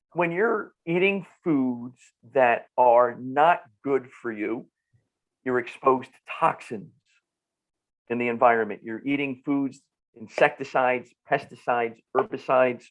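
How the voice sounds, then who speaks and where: Speaking in a medium-pitched voice at a slightly slow pace, a middle-aged nutrition clinician from northern New Jersey explains things as a podcast guest. His New Jersey accent comes through as he stays conversational and emphatic, repeating phrases and asking rhetorical questions, and the audio is dull.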